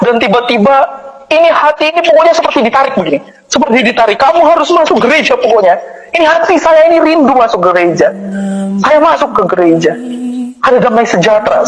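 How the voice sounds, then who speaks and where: A man's voice: very high-pitched, a bit bright, poor audio. A man giving an impassioned personal testimony of conversion, repeating phrases for emphasis.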